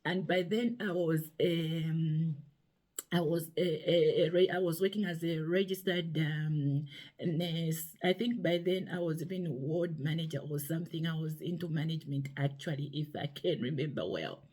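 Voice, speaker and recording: A woman's voice: low-pitched, normal speed, a little mellow. A middle-aged woman from Zambia, a nurse, telling a personal story in a chatty, hesitant way with many fillers. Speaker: nurse sharing her story. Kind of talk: casual storytelling vlog.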